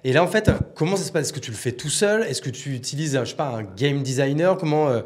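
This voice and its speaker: A man's voice: medium pitch, expressive, fast talker, a little mellow. A man hosting a podcast who asks loose, rambling questions in a casual interview. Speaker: podcast host.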